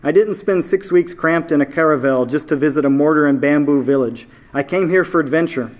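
A man's voice: fairly high pitch, brisk, lightly acted. A man reading aloud, voicing an earnest young male adventurer who pleads and protests. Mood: pleading.

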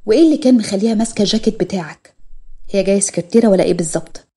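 A woman's voice: medium pitch, very fast, mellow, slightly rough, close to an everyday voice. A woman voicing a jealous, scolding Egyptian wife. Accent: Egyptian Arabic. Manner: scolding, sarcastic. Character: jealous, sharp-tongued young wife.

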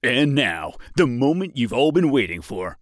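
A man's voice: mid-range voice, very animated, moderate pace, no room sound, clean studio sound, natural voice. A man voicing a male radio DJ hyping up a countdown with punchy showman build-up. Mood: hyped.

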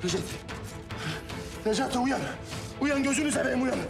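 An actor playing a desperate man who begs a dying foe, then shouts in anguish. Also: extremely high pitch, normal speed, vocal fry. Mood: frantic. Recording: tense TV drama music behind.

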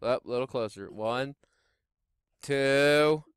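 A middle-aged man doing Let's Play commentary on a headset mic in a small home room, exclaiming and shouting as he plays. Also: medium pitch, takes it slowly, clear, resonant tone, dry recording, clean studio sound. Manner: excitable, exclaims and shouts while playing. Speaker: gaming YouTuber.

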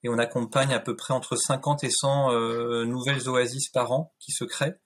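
A man's voice: medium pitch, level tone, moderate pace, a little hiss or hum. A man in his thirties, a guest on a video call interview, speaking thoughtfully with many fillers and restarts. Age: 30s. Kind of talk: casual interview talk. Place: home room, indoors.

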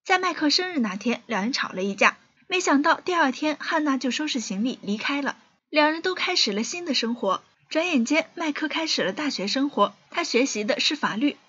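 A woman with a high, breathy voice reads a scripted film recap at a steady, even storytelling pace. The recording is dull and lo-fi, with the top end rolled off.

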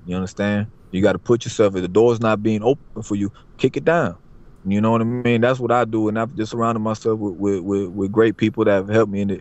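On the low side with a darkish tone, a man who works as a barber in Florida, USA, talks casually on a podcast. His interview chat is streetwise and repetitive, peppered with "you know what I mean," and the lo-fi audio is dull.

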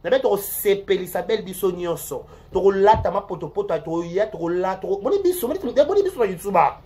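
An online show host with a Congolese accent, giving rambling, animated gossip commentary that repeats words and swings between loud outbursts and mutters. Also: mid-range voice, fast talker.

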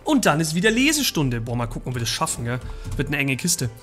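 A man's voice: on the high side, sing-song, fast talker, a bit bright, faint music behind. A man, a let's play host casually reading an in-game book aloud. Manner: casual, storytelling.

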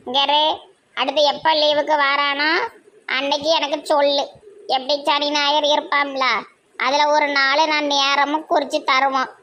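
A woman's voice: sits high, bright, forceful tone. A woman playing a cheerful young married woman in a comedy skit, with a Tirunelveli Tamil accent and a chatty, agreeable manner. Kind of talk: amateur comedy skit acting.

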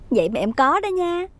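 A woman's voice: sits high, noisy background, exaggerated voice. An actress playing a cheerful young wife who giggles and coaxes her husband. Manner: giggling, coaxing.

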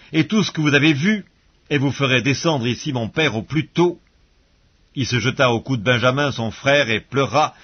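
A man reading scripture aloud in a measured, solemn way, pausing between phrases. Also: mid-range voice, husky. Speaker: Bible reader. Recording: dull lo-fi audio recording.

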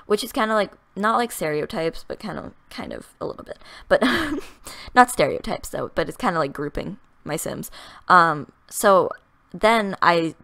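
Giggly, fast-rambling young woman. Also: lowish voice, animated, creaky, fairly bright tone, no echo. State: dry throat. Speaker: gaming YouTuber narrating a speed build. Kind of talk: casual voice-over chat.

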